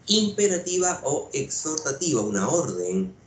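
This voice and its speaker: Lively man teaching. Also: a little high, a little slow, heavy background noise. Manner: repeats points, asks rhetorical questions. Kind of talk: lively classroom lecture. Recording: echoey room.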